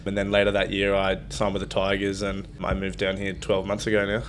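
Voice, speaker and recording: A man's voice: deep voice, monotone, a little fast, slight background noise. A nineteen-year-old man with a Queensland Australian accent, chatting plainly in a podcast interview as a rugby league player. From Brisbane, Queensland, Australia.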